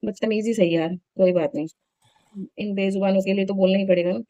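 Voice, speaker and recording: A woman's voice: mid-range voice, fairly even intonation, a little fast, dark tone, no echo, low-quality recording. A woman in her thirties chatting casually in a home vlog, telling a story in an indignant, talkative way. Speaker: vlogger.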